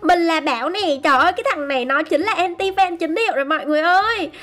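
A woman giving excited, chatty game commentary to her viewers. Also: very high-pitched, fast. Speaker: gaming YouTuber.

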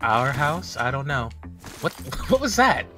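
A man's voice: medium pitch, very animated, unhurried, pushed and bright. A man playing a game with friends, teasing and laughing a lot. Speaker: gaming friend. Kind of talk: casual gaming chat. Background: game music.

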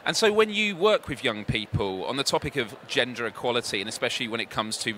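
Young guy moderating a panel chat, crisp bright tone, handheld mic, faint hiss. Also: medium pitch, expressive, fast. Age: young adult. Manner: short, interested interjections and questions. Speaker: interview moderator. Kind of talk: conversational interview. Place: event studio stage with a branded backdrop. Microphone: handheld microphone.

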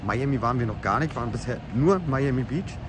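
A young man talks casually into a handheld camera while travelling, chatty and upbeat with plenty of fillers. His voice sits at an ordinary middle pitch. Heavy outdoor traffic noise runs under him the whole time. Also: fast talker. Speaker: travel vlogger. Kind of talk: casual travel vlog narration. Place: outdoors in streets, beaches and car. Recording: loud outdoor street noise.

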